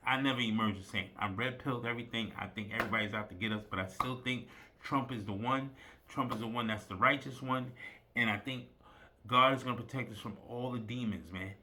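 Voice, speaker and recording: Male vlogger, mid-pitched and bright, rambling profane rant. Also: brisk, a little hiss or hum. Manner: rambling, profane, repeats himself. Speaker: commentary vlogger. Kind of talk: casual rant.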